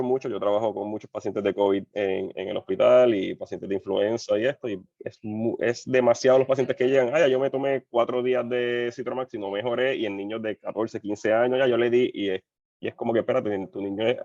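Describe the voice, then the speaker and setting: A man with a low, gravelly voice makes his case on a video call. He talks earnestly and hammers his points home. The sound is dry and muffled. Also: steady tone, fairly quick, a little mellow, dry recording. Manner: earnest, emphatic, repeats key points. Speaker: physician panelist. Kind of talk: online panel discussion.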